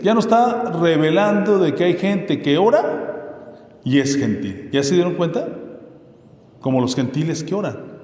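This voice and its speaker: A man's voice: medium pitch, mellow. A man preaching a sermon as pastor, asking his congregation questions and answering them himself. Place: church hall. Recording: echoey hall with long reverb.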